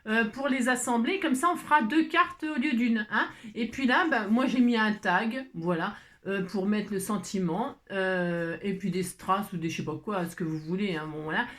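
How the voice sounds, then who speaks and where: Talking to herself while guiding a home crafting tutorial, a French vlogger rambles along, dropping plenty of "hein"s. She speaks in a mid-range, slightly bright voice at a moderate pace with few pauses, in an echoey room.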